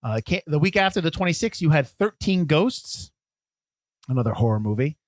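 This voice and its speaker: A man's voice: on the high side, moderate pace, no room sound. A man co-hosting a podcast in casual, joking chat. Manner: joking, animated, teasing. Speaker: podcast co-host.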